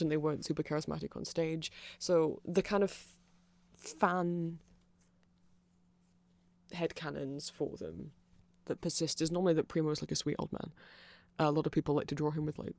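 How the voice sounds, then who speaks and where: Close-miked and dry with no room sound, a mid-pitched, slightly mellow voice with a clear creak wanders casually through an ASMR-style explainer. The content creator shares opinions as they go.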